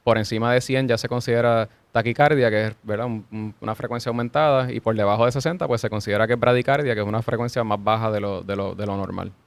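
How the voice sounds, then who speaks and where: Guy doctor explaining stuff, quick, dry close sound. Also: lowish voice, steady tone, vocal fry, clean tone, dry recording. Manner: measured, explanatory, frequent small restarts. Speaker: cardiologist guest. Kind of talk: explanatory interview answers.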